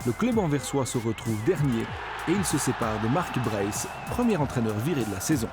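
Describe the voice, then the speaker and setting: A man's voice: mid-range voice, lively intonation, fairly quick. A man reading scripted narration for a football season review. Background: music.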